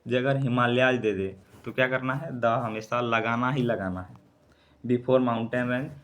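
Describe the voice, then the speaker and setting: A man teaches English grammar in to exam students, with a voice of medium pitch. He keeps asking the class questions and then answers them himself. He spells out letters and example words slowly. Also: steady tone, fairly bright tone.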